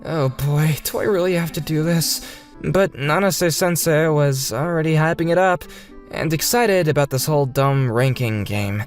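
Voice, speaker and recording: Voicing an earnest, bewildered fifth-grade boy telling his own story, a woman delivers lightly acted, scripted manga-dub narration. Her voice is low, her pace normal, with faint music in the background.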